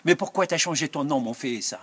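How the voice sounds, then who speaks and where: A man voicing an old immigrant mother who gently reproaches her son, soft and pleading. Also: a little high, a little fast, husky. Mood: reproachful.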